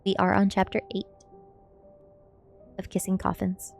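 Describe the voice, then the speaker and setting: A woman streamer reads a novel aloud in a cozy ASMR storybook style, tossing in casual, welcoming chat to her listeners and stumbling over a word now and then. Her voice is medium-pitched, monotone and gravelly, with a measured pace. Music plays behind her.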